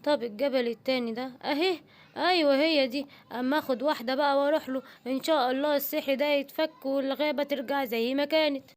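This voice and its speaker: A woman with an Egyptian accent voicing a male guard lion who mutters to himself in a lowered voice, for a homemade cartoon. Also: fast talker, lightly acted. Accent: Egyptian Arabic.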